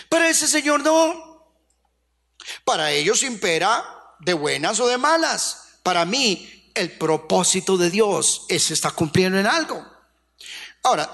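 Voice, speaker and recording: A Colombian pastor preaching a sermon, posing rhetorical questions and acting out quoted voices. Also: male voice, very high-pitched, a bit bright, long reverb tail. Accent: Colombian Spanish. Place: church.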